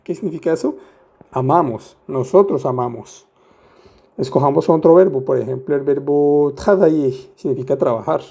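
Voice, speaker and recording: Patiently working through French grammar one step at a time, this man speaks at a normal speed in a fairly high, creaky voice that's warm with a breathy edge. He often poses rhetorical questions and slips in playful asides.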